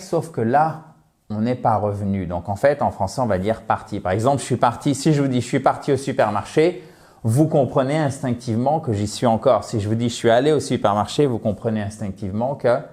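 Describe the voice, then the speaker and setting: A man explaining English grammar to viewers in a lively, direct way, joking about his own slips. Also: medium pitch. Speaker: English teacher.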